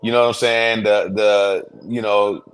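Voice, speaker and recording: A man's voice: fairly low pitch, fairly even intonation, a little slow, smooth. Man, podcast co-host, casual chat, rambling, many restarts. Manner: rambling, restarts a lot, gets worked up.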